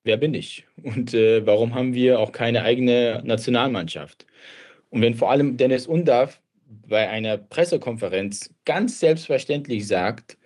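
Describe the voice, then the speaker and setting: A man of Kurdish background raised in Germany, answering interview questions in a reflective, measured way with brief restarts. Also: medium pitch, a little mellow. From Kurdish family, grew up in Germany. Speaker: interview guest.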